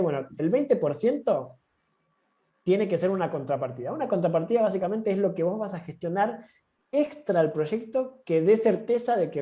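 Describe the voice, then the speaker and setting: A course instructor with an Argentine Spanish accent runs an online training session, talking informally and restarting often. His voice is a little high and mellow.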